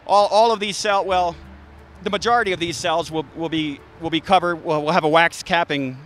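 A little hiss or hum sits under this recording of a man in his thirties, a beekeeper speaking a little high and fairly quickly. Out by the beehives in a garden, he gives an interviewer a casual, relaxed explanation, restarting often and using fillers. He talks into a handheld interview mic.

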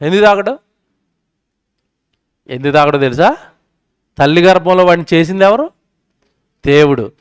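A male preacher gives a sermon at a public meeting and keeps firing questions at the crowd. His voice sits high and rings smooth and clear, and it swings between loud and soft. The sound is dry and close. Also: normal speed, pauses often, no echo.

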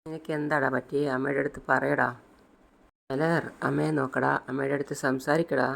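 A grieving poor mother pleading through tears for her sick daughter, as a man puts her on. The voice is gravelly and kept within a narrow pitch range, in a retold serial drama. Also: flat delivery, normal speed, a bit bright. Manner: pleading, tearful.

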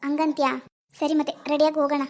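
A performer voicing a caring, cautious middle-aged mother-in-law in an animated family drama. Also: sits high, quick pace, close to an everyday voice. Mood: concerned. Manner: firm but caring, worrying.

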